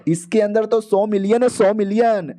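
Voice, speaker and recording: A man's voice: sits high, moderate pace, warm tone, lightly acted. A man voicing a greedy middle-aged father who blusters about money.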